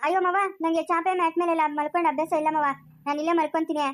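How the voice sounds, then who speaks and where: A woman playing a timid young daughter-in-law in a homemade comedy skit, asking high, fast, pleading questions. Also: flat delivery, slight background noise. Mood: plain.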